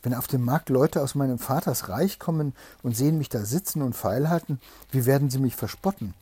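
A man's voice: medium pitch, brisk, warm tone, breathy edge, no room sound, natural voice. A man voicing a frightened young princess in a fairy tale, lifting his voice into a plaintive tone. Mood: fretful. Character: young fallen princess, fearful and fretting.

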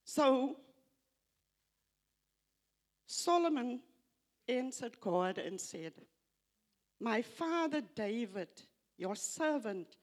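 At a church gathering, an older woman with an Afrikaans accent, English not being her first language, gives a tribute by slowly reading scripture and reflecting on it. She halts and repeats phrases, and her voice is fairly high in pitch.

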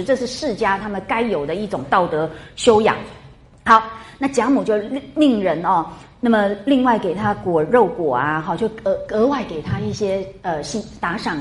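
A woman lecturing a class on a classic novel, chatty and animated, full of rhetorical questions. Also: medium pitch, a little hiss or hum. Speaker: literature lecturer. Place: classroom with students.

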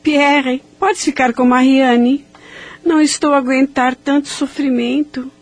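A woman playing an anxious but determined carer at a deathbed, earnest and formal in a radio melodrama, with a slightly husky voice. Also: high-pitched, steady tone, measured pace. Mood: resolute. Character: anxious, determined woman tending a dying loved one. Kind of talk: melodramatic radio drama acting.

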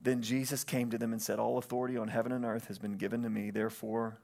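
A man pastoring a church gives an earnest sermon from the sanctuary stage over a stage microphone, often repeating phrases and calling for amens. He speaks at a quick pace in a level tone, his mid-range voice gravelly and somewhat dark.

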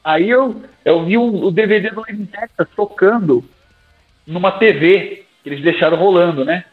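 High-voiced man telling stories, tinny sound. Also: moderate pace. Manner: animated, slangy, acts out his own past lines. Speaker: singing teacher guest. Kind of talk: casual storytelling in a podcast interview. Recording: tinny phone-like sound with faint music.

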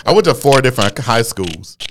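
A man co-hosting a podcast in casual chat, rambling through stories with many restarts and now and then jumping into animated high mimicry. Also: brisk, slight background noise. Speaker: podcast co-host.

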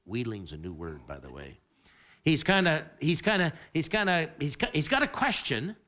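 A man preaching with a high, lively voice that swings up and down. His tone is bright and ringing, and he stops and restarts his phrases as he reasons aloud. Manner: animated, halting with many repeated starts. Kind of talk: sermon.

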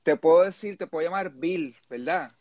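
A man's voice: fairly high pitch, moderate pace, a little mellow, slight background noise. A man hosting a casual podcast interview, chatty and rambling with frequent restarts. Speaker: podcast host.

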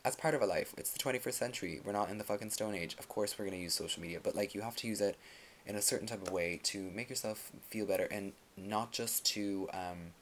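Soft-spoken man hosting a podcast. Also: sits low, a little hiss or hum. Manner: soft-spoken, drawn-out, many ums; sassy slang, calls listeners girl. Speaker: podcast host. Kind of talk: casual solo podcast talk.

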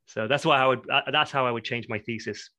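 A man's voice: medium pitch, fairly even intonation, quick pace, sharp tone, no echo. A man, a podcast guest speaking reflectively and at length, with light laughs as he explains ideas. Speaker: podcast guest, academic in learning development. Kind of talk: conversational interview.

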